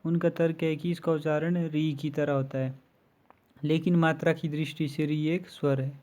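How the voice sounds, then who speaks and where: Working through lists of letters with examples, a male teacher runs a methodical exam-prep grammar class. He speaks flatly and evenly, his voice a touch high for a man but mellow and dark in tone.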